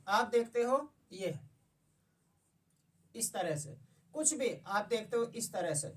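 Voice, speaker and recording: Patient woman teacher, distant mic. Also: on the high side. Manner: patient, repeatedly checks if students understood. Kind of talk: classroom lesson.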